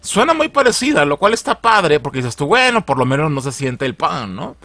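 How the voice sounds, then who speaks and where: A man with a Mexican Spanish accent talks through film news in a loose, slangy way and laughs easily. His pitch swings widely from low asides to high exclamations. The sound is dry and close, with no room echo. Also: brisk. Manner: animated, slangy, laughs often. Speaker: channel host. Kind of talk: casual commentary on film news.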